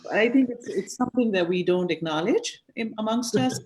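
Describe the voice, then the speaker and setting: Measured woman moderating a video call. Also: medium pitch, expressive, crowd noise. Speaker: host of a community civic group.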